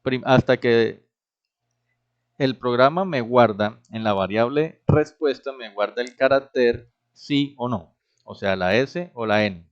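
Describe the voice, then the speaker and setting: A man's voice: medium pitch, takes it slowly. A man teaching a programming class, explaining step by step and often checking that the students follow. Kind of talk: classroom lecture. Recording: dull, lo-fi recorded class.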